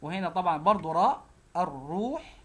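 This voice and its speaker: A woman with an Egyptian Arabic accent teaching a phonics lesson, slowly repeating syllables one at a time. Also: on the low side, animated, breathy edge.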